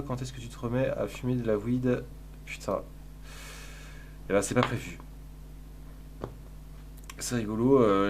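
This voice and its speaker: A man's voice: fairly low pitch, slight background noise. A man streaming live, chatting casually in a crude, sarcastic, rambling way while answering his chat.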